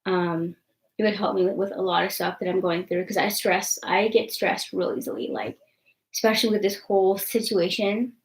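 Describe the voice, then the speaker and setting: A woman's voice: mid-range voice, steady tone, normal speed, roomy sound, poor audio. A young woman vlogger in casual live-stream chat, blunt and defiant, swearing freely and rambling with many likes and ums.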